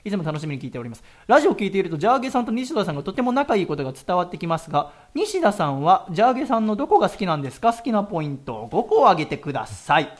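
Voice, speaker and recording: A man's voice: high-pitched, very animated. A man hosting a radio show, reading listener mail and teasing his co-hosts in casual chat. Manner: teasing, jokey, fast-talking.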